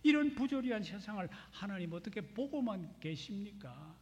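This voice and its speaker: A man's voice: high-pitched, normal speed, lo-fi sound, close to an everyday voice. A man preaching who voices an anguished male prophet, crying out to God in an indignant, pleading tone, in a hall with a long reverb.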